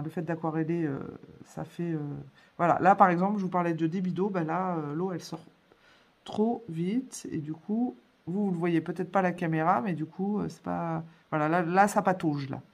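A woman's voice: fairly low pitch, moderate pace. A woman walks viewers through her coloring in an easy, conversational voice-over. She hesitates often and fills the gaps while she works. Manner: chatty, hesitant, many fillers. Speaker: coloring tutorial host. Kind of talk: casual voice-over tutorial.

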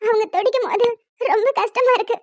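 A woman voicing an emotional young wife in an animated drama, pleading and tearful. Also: very high-pitched, fairly quick, no room sound. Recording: dull lo-fi dry sound.

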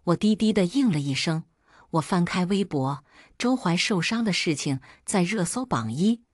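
Brief: woman narrator, steady first-person storytelling, low register, dry studio sound. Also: moderate pace, dry recording. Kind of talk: scripted web-novel narration.

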